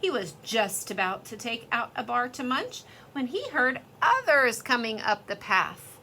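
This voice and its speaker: A woman reading a children's story aloud in an expressive, lively storytelling way. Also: fairly high pitch, a little slow, slightly rough.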